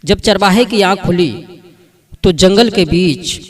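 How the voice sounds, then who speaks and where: A man narrating a folk story in a plain, steady storytelling manner. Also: high-pitched, takes it slowly, recorded from a distance.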